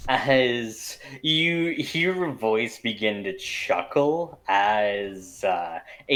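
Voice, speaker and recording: A man improvising narration as game master of a tabletop game, haltingly repeating words as he builds suspense. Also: fairly low pitch, a bit bright.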